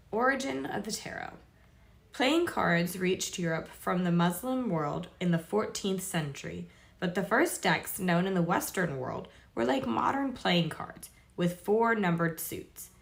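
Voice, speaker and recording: Her voice is fairly low and creaky as she hosts a laid-back read-aloud stream for viewers. She curses casually, stumbles on the longer words, and keeps breaking off for friendly asides.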